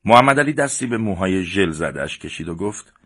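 A man narrating a story as an audiobook. He reads plainly and raises his voice for the characters' lines. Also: expressive. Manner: reads plainly and shifts up in pitch and loudness for the characters. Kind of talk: audiobook narration voicing the dialogue.

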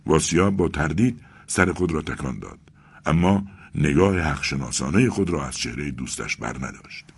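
Man, audiobook narrator, quiet measured reading, very low voice. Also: expressive, slightly rough.

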